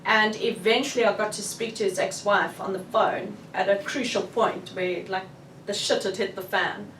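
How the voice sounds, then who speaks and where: A woman's voice: medium pitch, steady tone, moderate pace, fairly bright tone. A woman with a South African accent, an author speaking frankly and with animation at a book launch event. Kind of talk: candid book launch discussion. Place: bookshop event room. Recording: roomy, distant, with faint room noise.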